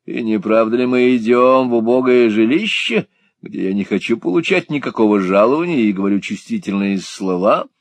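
A man's voice: medium pitch, moderate pace, no room sound, lightly acted. Male reader as an anxious grumbling pantomimist. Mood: fretful. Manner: anxious, complaining. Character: fretful male pantomime actor.

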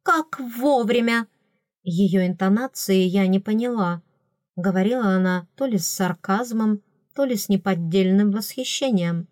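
A woman's voice: normal speed, no room sound, clean studio sound. Woman narrating a fantasy audiobook. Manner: expressive, voicing characters with raised pitch. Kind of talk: first-person audiobook narration.

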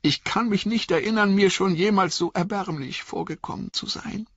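A trembling young hobbit, played by a man with a voice pushed far up into a thin, high register. He sounds self-pitying and scared, his husky tone dulled by a dry, lo-fi recording. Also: moderate pace, no room sound. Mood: fearful, miserable. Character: timid fearful young male hobbit.

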